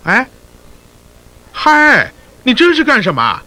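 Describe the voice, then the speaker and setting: A man's voice: extremely high pitch, huge pitch swings, takes it slowly, pushed and bright, a little hiss or hum, heavily acted, low-quality recording. A man with a Taiwanese Mandarin accent playing a teasing, scolding mentor who narrates and coaches, chatty and sarcastic. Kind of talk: comic instructional narration.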